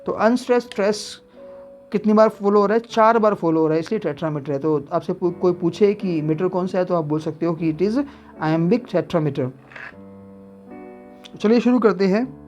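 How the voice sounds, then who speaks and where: Man teaching poetry, soft guitar behind. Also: a little high, muffled recording. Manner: mixes Hindi with English terms, repeats key points. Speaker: English literature teacher. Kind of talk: explaining a poem to students.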